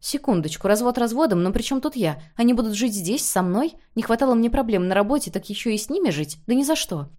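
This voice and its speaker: A woman's voice: a little high, expressive, fast talker, few pauses, darkish tone, pitched above the performer's own voice, close to an everyday voice. A woman voicing a stubborn, exasperated young adult daughter who answers curtly and firmly. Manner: curt, firm refusals.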